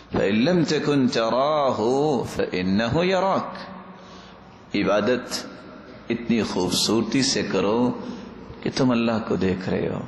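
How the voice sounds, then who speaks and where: A man's voice: medium pitch, roomy sound, slight background noise. A man delivering a sermon, speaking with impassioned, rising emphasis and slipping into chanted Arabic quotations. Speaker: preacher.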